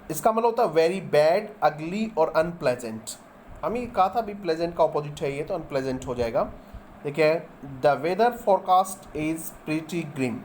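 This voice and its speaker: A man's voice: fairly high pitch, darkish tone, slight background noise. A man teaching English vocabulary, explaining each example in Hindi and spelling words out letter by letter. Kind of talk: vocabulary lesson.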